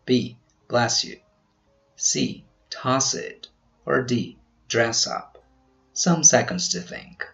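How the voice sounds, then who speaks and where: A man teaching pronunciation in a scripted quiz, slowly over-articulating each example word. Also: mid-range voice, lively intonation, vocal fry, a bit bright, lo-fi sound, soft background music. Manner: slow, careful, over-articulated delivery of example words.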